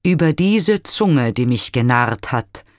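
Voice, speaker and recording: A man takes on a wrathful queen of the gods, her voice lifted a little higher and louder as she hands down a stern punishment. The words come slowly and weightily, in a dry, close recording. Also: animated, no room sound. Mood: cursing. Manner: stern, pronouncing a curse. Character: wrathful queen goddess, commanding.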